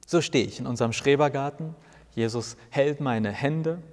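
A man's voice: medium pitch, normal speed, a little mellow. A man narrating a first-person story for a weekly sermon podcast in a wry, self-mocking tone. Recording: long reverb.

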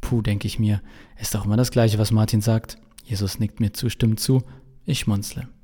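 A man's voice: on the low side, little pitch movement, normal speed, mellow. A male pastor telling a humorous sermon as a story, in a dry, wry way. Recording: long reverberant echo.

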